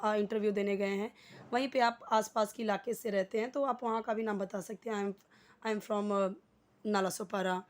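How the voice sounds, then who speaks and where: A woman with an Indian accent teaching an English lesson in Hindi, patiently explaining and slowly repeating example phrases. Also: mid-range voice.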